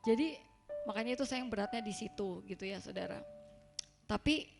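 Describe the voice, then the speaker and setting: A woman's voice: medium pitch, a little fast, vocal fry, over music. A young woman giving a personal testimony to a congregation, telling her story in a chatty way and acting out the dialogue she quotes. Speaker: church member giving a testimony.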